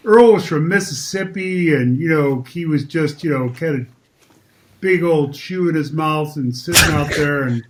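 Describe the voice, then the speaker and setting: A man's voice: fairly high pitch, unhurried, a little hiss or hum. A man, telling vivid, emphatic stories as a podcast guest. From Northeastern US. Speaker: guest, former football player. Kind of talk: storytelling in casual chat.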